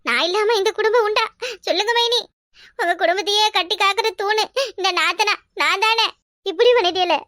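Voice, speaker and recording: Woman doing a shrill Kanyakumari sister-in-law. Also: fairly quick, sharp tone, no room sound, studio quality. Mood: indignant. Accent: Kanyakumari Tamil. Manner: accusing, dramatic wailing complaints. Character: meddling village sister-in-law, loud and self-righteous.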